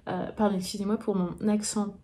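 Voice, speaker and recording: A young woman from France talks casually to camera about her books. Her voice is mellow and low in brightness, and she sounds tired and yawning. Her speech meanders, full of hesitations and restarts. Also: little pitch movement, brisk. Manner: chatty, with frequent hesitations and restarts. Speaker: book vlogger. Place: home, indoors in the evening.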